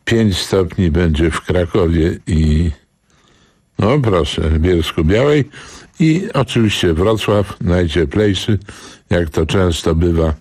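Male radio presenter, deep and unhurried, calm weather read, dry studio. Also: slightly rough, no room sound. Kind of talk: reading a weather forecast.

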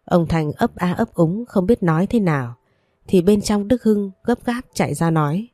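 A woman narrates a story with a low, mellow voice and a steady, even reading. The recording is dry and close. Soft music plays faintly underneath. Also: moderate pace, dry recording.

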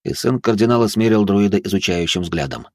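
A man narrating a first-person fantasy audiobook in a measured, even manner. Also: lowish voice, no room sound, studio quality.

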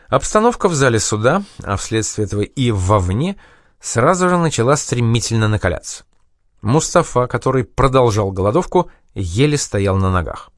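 A man reading a memoir aloud as an audiobook narrator, in a measured and expressive way. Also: medium pitch, no room sound, clean studio sound.

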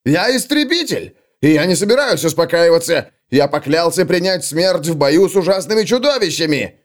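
A man puts on a brash young dwarf warrior who booms every line in a raised, loud voice. He is boastful and quick to take offence, and his delivery swings all over the place. An audiobook character voice. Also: very animated. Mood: indignant.

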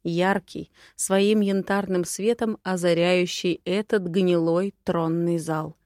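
A woman reading a first-person fantasy story aloud in an unhurried, even way. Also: on the low side, no room sound, studio quality. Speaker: audiobook narrator.

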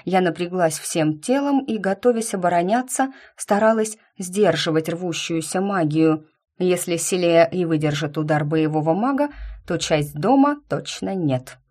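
A woman narrating a first-person fantasy novel in an even, storytelling way. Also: fairly low pitch, a little slow. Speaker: audiobook narrator.

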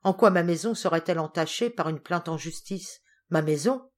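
A woman's voice: lowish voice, normal speed, lightly acted. A woman voicing an agitated, indignant older uncle in an audiobook. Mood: angry. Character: angry stern older uncle, a man.

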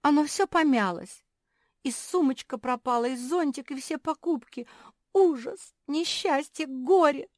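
A woman doing a shrill, whiny pampered dog girl. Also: unhurried, no room sound, studio quality. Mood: wailing. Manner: whining, wailing.

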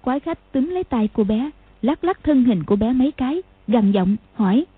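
Woman narrator, husky voice, even storytelling, dry tinny sound. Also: a little high, moderate pace, dry recording. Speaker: audiobook narrator. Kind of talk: scripted narration.

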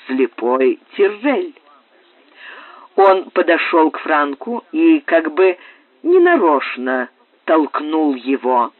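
A man narrating an audiobook in a measured, expressive reading. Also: fairly high pitch, no room sound. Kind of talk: scripted narration. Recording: dry, phone-like narrow sound.

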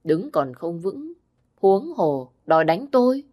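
A woman voicing a fierce, sharp-tongued young village woman who scolds bluntly. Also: fairly low pitch, very animated, takes it slowly, full character voice. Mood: scolding.

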